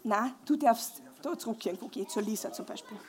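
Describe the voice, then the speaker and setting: A woman giving a lively sermon to a congregation in a church hall, asking them questions. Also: fairly high pitch, fast. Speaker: preacher.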